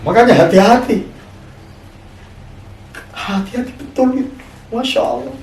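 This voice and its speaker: A man's voice: extremely high pitch, moderate pace, a little mellow, a little hiss or hum. A man, preaching a sermon and telling a story, often putting questions to his audience. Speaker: Islamic preacher. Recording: echoey room, voice from far off.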